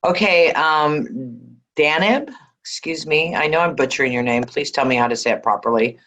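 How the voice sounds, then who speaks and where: A woman's voice: deep voice, moderate pace, fairly bright tone, rough recording. A woman hosting a spiritual healing session on a video call, soothing and affectionate, calling callers honey.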